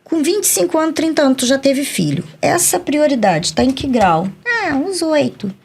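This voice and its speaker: A woman's voice: moderate pace, creaky. A middle-aged woman, a psychologist, speaking emphatically as a guest on a podcast interview. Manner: emphatic, animated storytelling with wide pitch swings.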